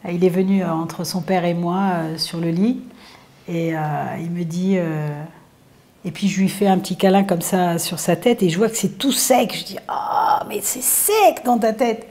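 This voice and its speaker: A woman's voice: lowish voice, normal speed, a little mellow. A middle-aged woman, mother of a fallen soldier, tells personal memories and dreams with feeling, acting out the dialogue she quotes. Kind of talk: emotional personal recollection.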